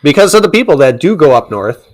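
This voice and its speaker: A man from Wisconsin co-hosting a casual chat, talking in a relaxed, unhurried way. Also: fairly high pitch, no echo. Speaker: co-host.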